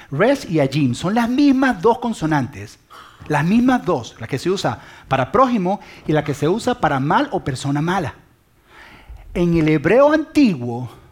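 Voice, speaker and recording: A man preaching a sermon, speaking directly to listeners with questions and dropping to a whisper on key words. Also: a little high. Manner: mixes English phrases into Spanish.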